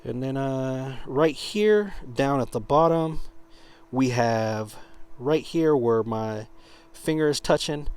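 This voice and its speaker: A man giving an informal hands-on product demonstration, speaking haltingly as he searches for words. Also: medium pitch, darkish tone, clean tone. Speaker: product reviewer.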